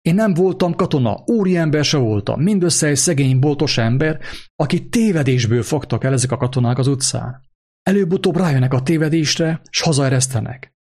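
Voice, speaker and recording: A man's voice: a little high, expressive, a little mellow, voice pushed up. A nervous little shopkeeper worries aloud in a raised, anxious voice, as a man reading a story puts him on. His talk tumbles from one fear to the next. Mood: fretful. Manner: anxious, rambling self-talk. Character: small bald poor male shopkeeper, fretful.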